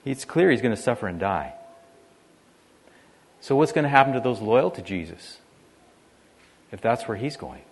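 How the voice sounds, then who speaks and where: A man's voice: mid-range voice, big pitch swings, normal speed, gravelly, pauses often, slight background noise. A man preaching a sermon in a conversational way, shifting his emphasis often. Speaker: pastor.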